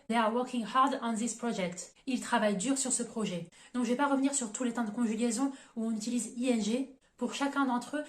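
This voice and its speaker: A woman teaching English grammar in a YouTube lesson, explaining clearly and reading out English example sentences. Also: fairly high pitch, echoey room.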